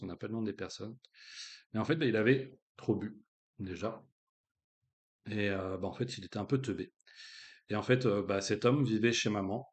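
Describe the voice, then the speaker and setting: Low-voiced joking male quiz host. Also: a little mellow. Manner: joking, slangy, many fillers. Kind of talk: casual live quiz hosting.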